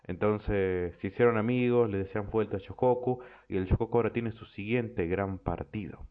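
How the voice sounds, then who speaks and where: A man hosting a show, retelling anime episodes in an animated, profane, casual way. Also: on the low side, normal speed. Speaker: radio show host. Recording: tinny phone-like line.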